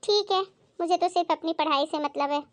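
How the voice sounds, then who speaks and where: A woman's voice: very high-pitched, brisk, dry recording. A woman playing a young daughter who reasons with her mother in defense of her sister-in-law. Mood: pleading. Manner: pleading, reasonable, mildly exasperated.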